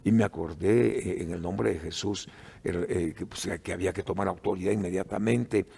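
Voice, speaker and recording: Middle-aged Guatemalan pastor, husky and raspy, earnest conversational teaching. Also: male voice, low voice, fairly even intonation, normal speed, mellow. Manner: earnest storytelling with many fillers.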